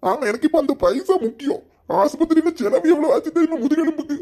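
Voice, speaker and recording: A performer voicing an aggrieved, sarcastic middle-aged village banana seller, in a cartoon. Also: male voice, extremely high pitch, lively intonation, fast, warm tone. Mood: bitter sarcastic. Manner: sarcastic, complaining.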